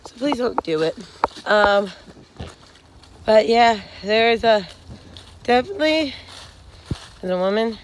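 Young woman vlogging on a trail, slow rambly frank advice, phone mic, bit of outdoor noise. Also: a little high, lively intonation. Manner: rambling, frank, many fillers and restarts. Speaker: hiking vlogger. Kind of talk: casual advice vlog. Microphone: phone held at arm's length.

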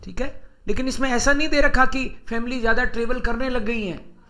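A man teaching German exam strategy, reading German aloud slowly and explaining it in Hindi while thinking aloud. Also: extremely high pitch, bright, forceful tone.

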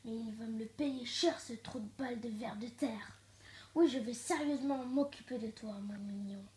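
A woman's voice: moderate pace, dark tone, natural voice. A woman voicing a boastful, vengeful old witch in a storybook read-aloud, theatrical and gloating. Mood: menacing. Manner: theatrical, gloating, shifts to low menacing mutters. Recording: echoey room.

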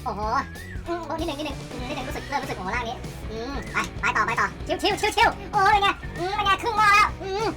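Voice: sits high, big pitch swings, fast. A person chattering casually through an eating challenge, repeating short urgings between mouthfuls and slurps. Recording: loud music behind the voice. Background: music.

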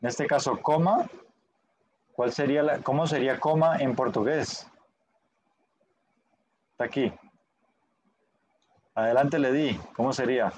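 A man's voice: mid-range voice, a little slow, pauses often, a little mellow, slight background noise. A man teaching a Spanish class online in a patient way, often checking in with short questions.

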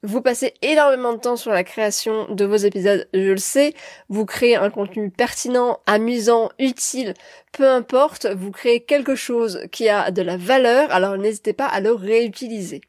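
A woman's voice: a little high, moderate pace, a little mellow, no echo. A woman hosting her solo podcast, talking to her listeners in a friendly, direct way. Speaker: podcast host. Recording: dry close recording.

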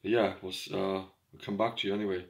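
A young man vlogs a food challenge in a small home kitchen, chatting casually to his viewers. His low voice barely moves in pitch, he talks fast, and there's vocal fry. The handheld camera recording is noisy.

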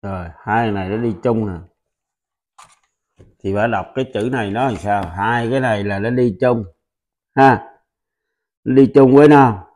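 A man whose first language is Vietnamese, patiently teaching a pronunciation lesson and repeating example words loudly. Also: lowish voice, normal speed, long pauses. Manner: patient, instructive.

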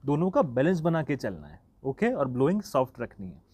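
A man's voice: medium pitch, huge pitch swings, a little fast, darkish tone, husky, no room sound. A man teaching a flute lesson in a casual, chatty way, singing the note names aloud as he goes. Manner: chatty and encouraging, sings the notes aloud. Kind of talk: casual online music lesson.

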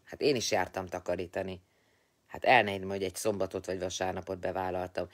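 A man's voice: sits low, level tone. A tired man hosting a casual live stream, chatting, teasing and greeting viewers by name.

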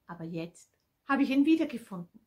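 A woman's voice: high voice, big pitch swings, slow pace, slightly rough, pitched above the performer's own voice, heavily acted. A woman voicing a joyful forgiving old father. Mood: overjoyed. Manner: exclaiming, warm and pleading. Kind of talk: children's Bible story reading.

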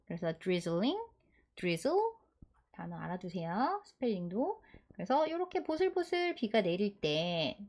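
A woman teaching English vocabulary in an online lesson, slowly drilling pronunciation and having listeners repeat words after her. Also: medium pitch. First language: Korean.

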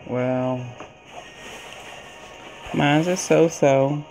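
An older woman hosting an eating vlog, chatting casually in a rambling, halting way with many pauses. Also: sits low, fairly even intonation, over music. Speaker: mukbang host.

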